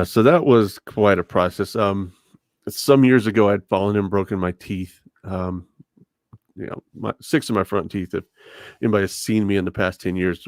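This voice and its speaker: A middle-aged man with a lowish voice tells stories casually as a podcast guest, speaking close to a desktop condenser mic with a pop filter. He's indoors in a home room with a bookshelf, and there's no room sound.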